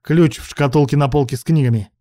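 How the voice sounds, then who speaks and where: A man plays a brusque guard who gives short, clipped orders. The voice is pushed louder and a little higher, with a dark, dry sound. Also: normal speed, smooth, dry recording, close to an everyday voice. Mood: curt.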